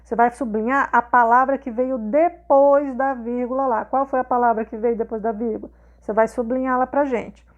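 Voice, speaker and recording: A woman's voice: fairly high pitch, steady tone, moderate pace, hardly any pauses, lo-fi sound. A Brazilian woman teacher walking students through a worksheet in a video lesson, patient and repeating her questions with frequent checks for understanding. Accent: Brazilian Portuguese, not southern.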